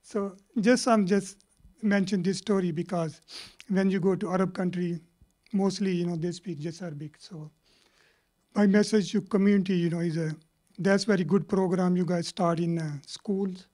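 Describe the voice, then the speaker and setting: This panelist, a middle-aged Punjabi-speaking man from Pakistan, talks with a Pakistani accent in a high, steady, dark voice. His remarks into a handheld microphone in a lecture hall wander, halt, and brim with fillers.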